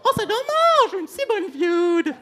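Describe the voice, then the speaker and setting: A man doing a high falsetto voice as his gushing, fussy older aunt in a stand-up routine. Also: big pitch swings, slow, bright, forceful tone, a little hiss or hum, exaggerated voice. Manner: squealing falsetto, fluttery. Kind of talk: stand-up comedy.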